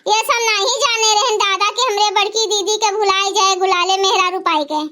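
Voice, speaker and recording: A woman's voice: very high voice, steady tone, a little fast, pushed and bright. A woman voicing a bitter older mother-in-law in a cartoon, nagging and ranting. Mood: scolding. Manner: nagging, ranting, name-calling. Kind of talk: cartoon voice acting.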